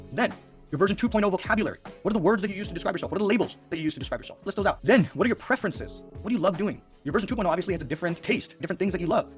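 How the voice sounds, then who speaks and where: A young man coaching viewers through a worksheet, energetic and repeating questions to press his points. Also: a little high. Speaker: life coach.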